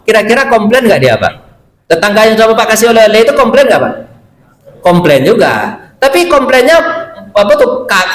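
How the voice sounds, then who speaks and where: A man preaching a short Ramadan sermon in a mosque, joking and questioning the congregation. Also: high voice. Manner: lively, jokes and acts out dialogues with the congregation; asks the audience questions, repeats "Pak" often. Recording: echoey mosque hall.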